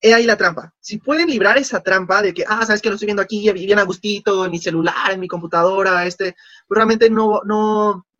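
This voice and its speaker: A man's voice: sits high, a little fast, no room sound, highs cut off. A man, casually telling stories in an interview and acting out the dialogue. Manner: animated, acts out quoted dialogue. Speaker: guest.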